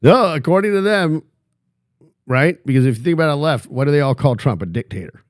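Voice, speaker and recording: A man's voice: a little high, lively intonation, fairly quick, dry recording, studio quality. A man hosting a casual interview, asking joking, teasing questions. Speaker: podcast host.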